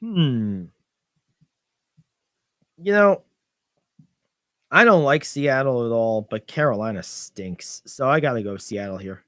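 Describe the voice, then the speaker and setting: A young man co-hosting a sports radio show, animated and confident as he talks through football picks, piling on "I think". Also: mid-range voice, slow pace, pauses often, no echo, clean studio sound. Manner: animated, gets louder when excited, many "I think"s. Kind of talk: sports betting talk.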